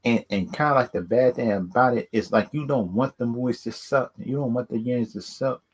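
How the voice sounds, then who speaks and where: Speaking a little fast in a husky, mid-range voice, a video host shares his unscripted views on movies and games. He rambles and keeps circling back to the same words and stock phrases.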